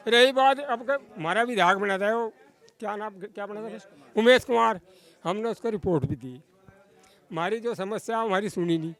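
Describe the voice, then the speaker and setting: A villager, a man, answering a street interview with forceful, indignant complaints. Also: high-pitched, moderate pace.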